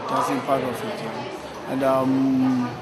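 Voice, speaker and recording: A man speaks in a casual interview, somewhat hesitantly. His medium-pitched voice stays flat while a loud crowd surrounds him. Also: slow, poor audio. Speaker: dancer and backing vocalist. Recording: loud crowd noise in busy public place.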